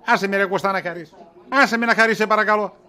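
A man's voice: high voice, steady tone, bright, forceful tone. A man playing a tired middle-aged shopkeeper in a comedy sketch, exasperated and dodging his wife's questions with wisecracks. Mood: annoyed. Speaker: husband.

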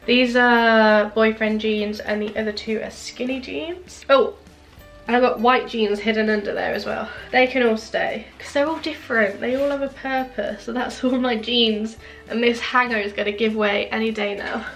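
A young woman talks through her wardrobe in a chatty, thinking-aloud way, her voice sitting a little on the high side. Now and then she stops to search for the right word. Soft music plays faintly underneath. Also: fairly even intonation, moderate pace, vocal fry. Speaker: fashion vlogger. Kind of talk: casual wardrobe tour.

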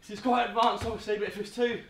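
A man's voice: high-pitched, flat delivery, fast, fairly bright tone. A man in his thirties, out of breath, leading a live workout as a fitness coach with short barked cues and counts. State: out of breath from exercise. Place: medium-sized indoor gym studio. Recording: roomy echo, distant mic, faint noise.

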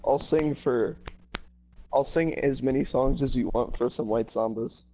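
A man chatting on a gaming stream, eager and quick to volunteer. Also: mid-range voice, darkish tone, poor audio. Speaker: friend on stream. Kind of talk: casual gaming chat.

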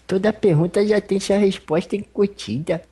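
A medium voicing an old male spirit elder with a Brazilian accent, speaking in a husky, folksy, rambling way during a religious consultation. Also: medium pitch, moderate pace, mellow. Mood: fatherly. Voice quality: husky, rambling, folksy speech with fond asides.

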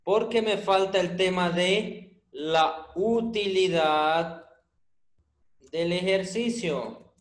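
Man, finance teacher, online lecture, quizzing and joking, fairly high voice, roomy echo. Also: very slow. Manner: questioning, teasing humor.

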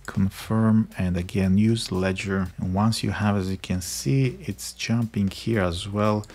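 A man with a low, steady voice that barely rises or falls narrates a screen-recorded tutorial. He explains each step in a relaxed, conversational way, filling pauses with frequent uh's. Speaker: crypto tutorial host.

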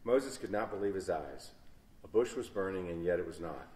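Deep-voiced man reading a story in a church. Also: expressive, moderate pace. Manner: dramatic, varying loudness. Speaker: story reader. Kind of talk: expressive read-aloud storytelling. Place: large church. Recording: echoey church hall, distant mic.

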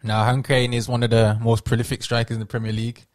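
A man's voice: mid-range voice, fast. A man hosting a podcast, chatting casually and backing up his guest with lots of agreement. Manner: steady backchanneling, slangy. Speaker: podcast host.

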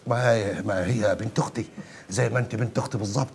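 An actor playing a middle-aged uncle with an Egyptian accent who keeps calming his family with quick, fatherly reassurance. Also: lowish voice, gravelly, a little hiss or hum. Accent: Egyptian Arabic. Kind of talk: TV drama acting.

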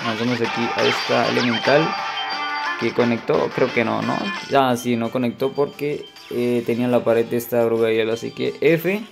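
A man with a Mexican accent, commentating his mobile gameplay in a chatty, excitable way and calling out to his viewers. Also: medium pitch, moderate pace, creaky, loud music behind the voice. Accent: Mexican Spanish. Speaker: gaming channel host.

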